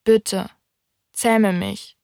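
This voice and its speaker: A woman voicing a wise, wistful fox in an audiobook reading, speaking in a calm, thoughtful, explaining way. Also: medium pitch, very slow, creaky, dry recording, studio quality. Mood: patient.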